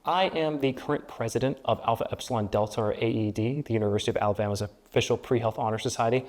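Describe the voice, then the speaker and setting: A young adult man with a darkish tone, whose first language is Spanish, grew up in Peru and the Dominican Republic. Running for student government, he delivers a speechlike campaign pitch during an interview, stacking repeated phrases into rhetorical lists.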